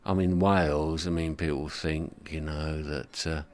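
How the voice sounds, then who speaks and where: Low-voiced man telling jokey stories. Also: steady tone, unhurried, a little mellow. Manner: mocking, acts out others' voices. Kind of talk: casual chat.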